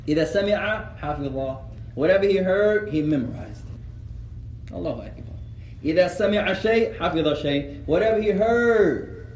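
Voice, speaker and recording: An earnest man from the United States teaches a religious lesson in a fairly high voice, repeating words for emphasis. He is picked up from a distance. The room around him rings with echo and a faint hum. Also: darkish tone. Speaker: Islamic teacher.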